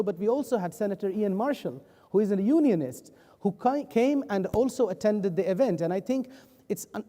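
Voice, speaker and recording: A man who was born in Pakistan and grew up in the Netherlands, speaking earnestly and in a measured way as a panelist. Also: sits high, dark tone. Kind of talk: panel discussion. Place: event hall. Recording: long hall reverb.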